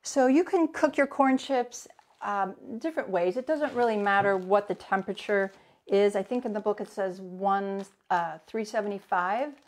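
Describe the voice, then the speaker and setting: A woman in her forties runs a live cooking demo from her home kitchen, chatting as she works and greeting viewers by name. She speaks at a moderate pace in a mid-range voice.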